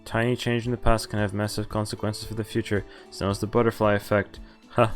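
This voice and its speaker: A fast-talking man with a lowish voice and level tone streams a visual novel, voicing its narration and dialogue in a casual, lightly acted style. He tosses in offhand reactions while game music plays behind him.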